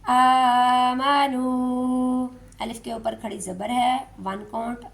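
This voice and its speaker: A woman, teaching Quran recitation step by step, explaining slowly and chanting verses drawn out. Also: fairly high pitch, fairly even intonation, vocal fry, a little mellow.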